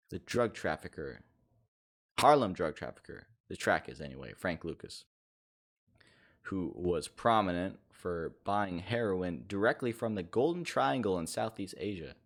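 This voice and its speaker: Laid-back low-voiced young man reviewing music. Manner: laid-back, rambling, with frequent fillers and self-corrections. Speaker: podcast host reviewing an album. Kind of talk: casual unscripted album review.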